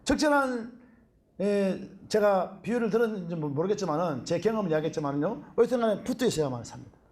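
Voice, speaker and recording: A middle-aged Korean pastor, preaching a sermon in an animated way and often calling out hallelujah. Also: male voice, high-pitched, fast.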